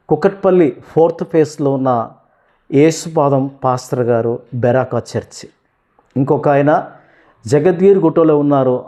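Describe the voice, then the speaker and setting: A man's voice: fairly high pitch, dark tone. Earnest Telangana man giving testimony. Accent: Telangana Telugu. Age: 50s. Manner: earnest storytelling, addresses listeners as beloved.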